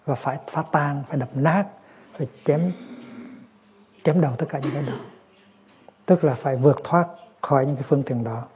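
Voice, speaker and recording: A man as a Buddhist teacher giving a dharma talk, explaining calmly. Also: a little high, brisk, long pauses. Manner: calm explaining, lively storytelling.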